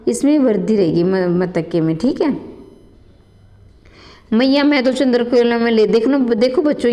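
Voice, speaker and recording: Female coaching teacher, high-pitched, explains and repeats every answer; reverberant room. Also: dark tone. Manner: addresses students as children, repeats questions and answers aloud. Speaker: Hindi exam coaching teacher. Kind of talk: exam answer walkthrough lesson.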